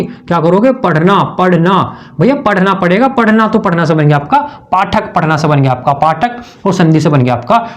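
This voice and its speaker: A man, teaching exam memory tricks in a chummy way. He asks his own questions, answers them himself and keeps repeating the key words. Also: high-pitched.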